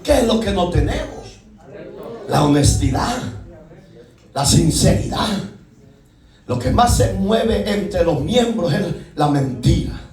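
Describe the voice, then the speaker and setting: Male pastor, very high voice, fervent preaching, shouting, echoey church, distant mic. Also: expressive, takes it slowly, pauses often. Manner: fervent, frequently shouting, folksy asides. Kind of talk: sermon.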